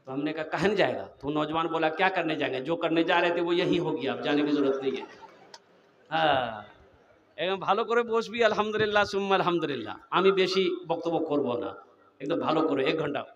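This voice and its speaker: A high, bright male voice booms through an echoey hall as he preaches. He swings from shouted exhortation to hushed storytelling and keeps firing questions at the crowd. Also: brisk, distant mic, muffled recording, a little hiss or hum. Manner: impassioned, swings from loud exhortation to quiet storytelling; questions the audience directly. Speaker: Islamic preacher. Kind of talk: fiery sermon to a crowd.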